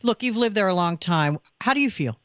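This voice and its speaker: A woman's voice: medium pitch, expressive, brisk, fairly bright tone, no echo. A woman hosting live talk radio, chatty and opinionated, speaking into a studio microphone. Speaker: radio talk host, filling in.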